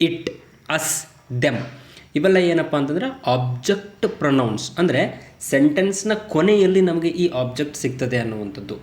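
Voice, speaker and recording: A man teaching grammar, reading his English example sentences slowly and deliberately. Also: fairly high pitch, darkish tone, echoey room. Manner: slow, deliberate English example sentences between quick Kannada explanations. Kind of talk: explaining grammar in a lesson.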